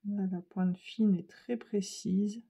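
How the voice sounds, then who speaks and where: Speaking slowly with fairly even intonation, this woman has a mid-range voice that's gravelly, warm and husky. She hosts a craft channel and carries a northern French Ch'ti accent, chatting to viewers and thinking aloud as she paints and tests art supplies.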